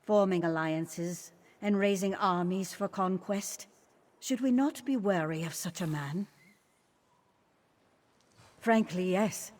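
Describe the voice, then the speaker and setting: Fantasy game queen: lowish pitch, dignified, formal, measured and politically shrewd. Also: a little mellow. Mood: grave, firm. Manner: formal, regal, deliberate. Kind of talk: video game character dialogue.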